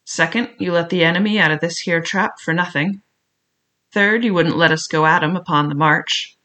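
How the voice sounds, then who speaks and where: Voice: medium pitch, normal speed, pushed and bright, natural voice. A reader voicing a pushy male pirate who speaks curtly and challenges his captain. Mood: defiant. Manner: curt, challenging. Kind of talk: audiobook character reading.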